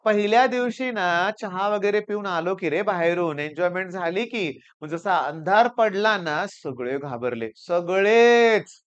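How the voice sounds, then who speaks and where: A male teacher from Maharashtra giving advice to students through lively storytelling, acting out the people he quotes. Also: sits high, a little slow, smooth, muffled recording. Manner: animated storytelling, acts out quoted students and seniors.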